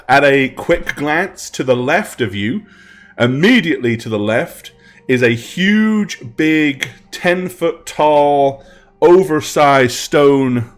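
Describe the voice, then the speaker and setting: A man narrating as game master of a tabletop game, unhurried and hesitant, often pausing with "um". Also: mid-range voice. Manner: unhurried, hesitant with frequent ums.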